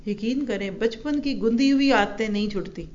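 A woman religious teacher giving an earnest, lively parenting lecture, going from emphatic to soft. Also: fairly high pitch, moderate pace, lo-fi sound, a little hiss or hum.

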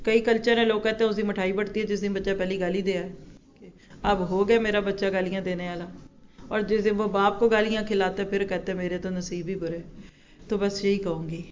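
A woman religious teacher giving an earnest, lively parenting lecture, going from emphatic to soft. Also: mid-range voice, brisk, lo-fi sound, slight background noise.

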